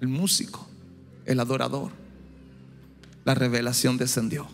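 Creaky and mid-range, this pastor's voice shows little pitch movement and runs a little slow. He is in his forties, born in Chile, and delivers an impassioned sermon through a handheld mic to a large congregation, building to shouts and exclamations. Music plays behind him in an echoey hall.

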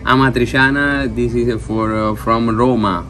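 A man in his thirties with an Italian accent, a native Italian speaker and chef, explaining dishes in halting, broken English. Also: medium pitch, fairly even intonation, fairly bright tone, slight background noise. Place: indoor restaurant booth. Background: background music.

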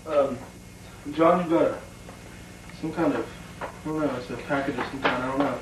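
A man's voice: mid-range voice, steady tone, moderate pace. A man speaking hesitantly and unsure of himself during a comedy sketch. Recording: distant, echoey, faintly noisy.

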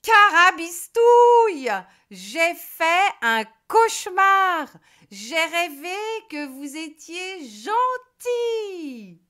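A woman voicing a grumpy old witch who is startled, in a children's storybook reading, with high, loud exclamations. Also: very animated, very slow, full character voice. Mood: relieved.

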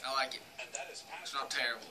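A man's voice: mid-range voice, flat delivery, fast talker. A young American man talking casually and crudely with a lip full of dip, giving an amateur review. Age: young adult. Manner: crude, profane, slangy. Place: living room, indoors. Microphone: device mic a few feet away.

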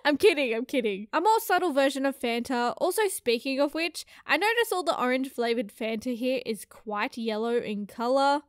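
High-voiced Australian woman giving verdicts. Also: animated, smooth, dry recording. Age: young adult. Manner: quick, joking verdicts. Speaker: vlogger giving snack ratings. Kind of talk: voice-over commentary. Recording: dry voice-over, faint music.

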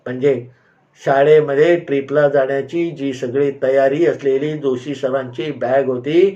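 A man telling a personal school memory in an unhurried way, often pausing to explain himself with asides. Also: a little high, darkish tone. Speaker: storyteller. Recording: slightly dull, lo-fi sound.

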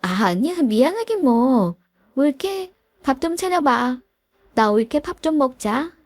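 A woman's voice: high-pitched, big pitch swings, moderate pace, darkish tone, dry recording, pitched above the performer's own voice. A woman voicing a pushy, presumptuous older sister-in-law who talks down to her family. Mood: bossy.

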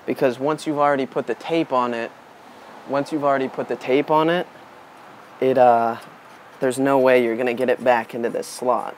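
A man in his twenties with a mid-range voice, speaking at a normal pace, gives a casual, unscripted DIY tutorial while working with his hands on a wooden porch outdoors. The outdoor camera audio carries steady background noise.

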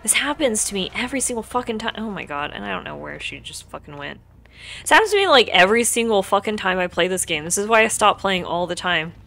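A woman's voice: mid-range voice, very animated, fast talker, creaky, fairly bright tone. A woman streaming a video game, talking to herself through the match in blunt, profane commentary. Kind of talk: live gameplay commentary.

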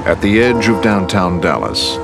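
A man narrates a documentary in a low, gravelly voice. His delivery is measured and scripted, and music plays underneath. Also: big pitch swings.

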